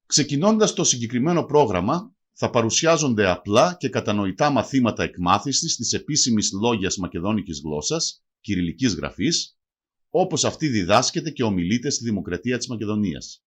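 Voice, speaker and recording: A man reading a scripted language lesson, spelling out example words slowly and deliberately. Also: mid-range voice, big pitch swings, slightly rough. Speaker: language teacher.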